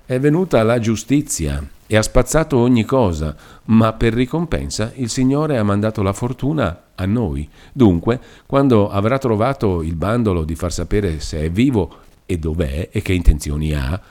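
A man's voice: on the low side, very animated, normal speed, dark tone. A man voicing a talkative, practical older village mother, speaking in a chatty, persuasive and emphatic way. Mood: eager.

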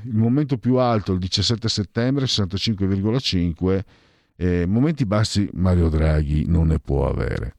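A man casually reading out opinion poll figures in a brisk run, adding wry side remarks. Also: low-pitched, a little mellow, no echo. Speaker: commentator reading out opinion polls.

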